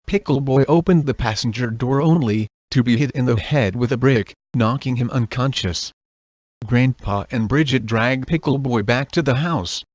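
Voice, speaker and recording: A man reading a crude comic horror story aloud in a flat, deadpan storytelling manner. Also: mid-range voice, moderate pace, dry recording. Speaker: narrator.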